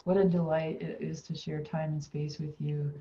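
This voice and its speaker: A woman hosting a webinar interview over a video call, friendly and gently guiding the talk. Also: low voice, flat delivery, moderate pace, a little hiss or hum. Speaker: webinar host. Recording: muffled video call audio.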